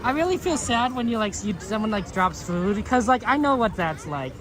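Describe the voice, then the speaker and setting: A man's voice: high voice, big pitch swings, fairly quick. A man hosting a casual live stream outdoors at a theme park, chatting in a rambling way with lots of fillers and restarts as he reads chat aloud. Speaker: livestream host. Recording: crowd noise around the speaker. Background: park crowd.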